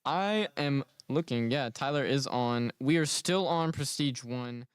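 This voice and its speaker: Male esports caster, clear resonant voice, laid-back and chatty, lots of fillers. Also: medium pitch, unhurried. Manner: relaxed, rambling, filler-heavy. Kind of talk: casual game commentary.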